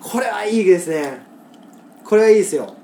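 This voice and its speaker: A woman's voice: medium pitch, expressive, brisk, warm tone. A woman from Kagoshima hosting a podcast, reading out listener poems and explaining local dialect words, laughing often. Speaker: podcast host. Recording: roomy echo.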